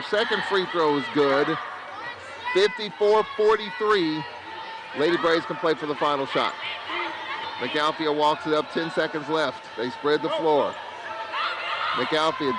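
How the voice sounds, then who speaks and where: A man calling college basketball play-by-play, bursting into excited calls on big plays. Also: on the high side. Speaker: play-by-play announcer. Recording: crowd and arena noise behind.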